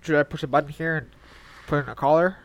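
A man's voice: on the high side, quick pace, highs cut off. A man co-hosting a comedy podcast, playing along with bits in a dry, casual way. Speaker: podcast co-host.

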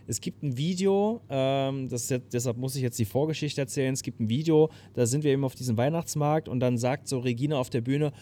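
A young man telling a long story in casual chat, breaking into loud shouted impressions. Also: mid-range voice, fairly quick, few pauses.

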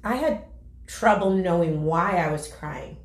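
A woman's voice: lowish voice, measured pace. Emotional chatty woman in a roomy space. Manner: emotional, animated storytelling with lots of "like". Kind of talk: casual chat. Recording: roomy, echoey sound.

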